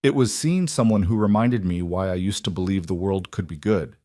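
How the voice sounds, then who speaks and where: A man doing a gruff, rough-edged frontier farmer from a storybook western, talking with low, earnest weight. The voice sits deep and is recorded close and dry. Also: moderate pace, warm tone, no room sound, close to an everyday voice. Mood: remorseful.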